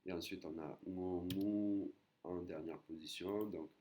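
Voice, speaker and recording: A man's voice: deep voice, fairly even intonation, measured pace, mellow. A man teaching an online language lesson, patiently repeating and breaking words into syllables.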